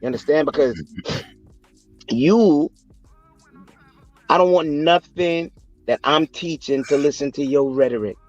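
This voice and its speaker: A man's voice: on the high side, measured pace, pauses often, no room sound, highs cut off, soft background music. A man in a heated panel debate, confrontational and scolding, with rhetorical turns of phrase.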